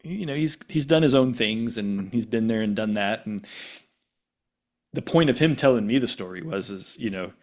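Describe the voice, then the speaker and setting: A man co-hosting a podcast, telling an animated story in casual talk and laughing often. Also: lowish voice, normal speed. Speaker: podcast co-host.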